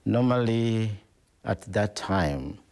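Slow, very low-voiced Tanzanian bishop. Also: male voice, lively intonation, a little mellow, clear, resonant tone. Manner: slow, deliberate, repeats phrases like "in actual fact". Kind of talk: interview answers.

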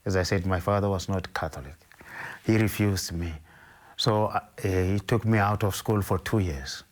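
In an interview about his life, an older man from Zimbabwe talks in a very deep, low voice. His delivery is slow, careful and hesitant, with frequent pauses and restarts as memories of his past come back.

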